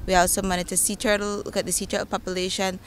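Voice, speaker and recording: A woman explaining her work as a manager in an interview, halting and correcting herself. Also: mid-range voice, little pitch movement, clean tone. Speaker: marine reserve manager being interviewed. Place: outdoors by open water. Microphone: handheld interview microphone. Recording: outdoor noise, faint engine hum.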